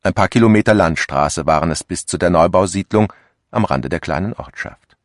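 A man narrating a literary short story as an audiobook, in a calm, measured way, on a close studio mic. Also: deep voice, no echo.

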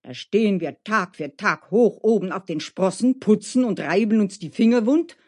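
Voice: animated, moderate pace, natural voice. A storyteller voicing a boisterous, hot-headed male coachman who bellows and boasts, in a storybook reading. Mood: indignant. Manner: loud and boastful, rising high in outbursts.

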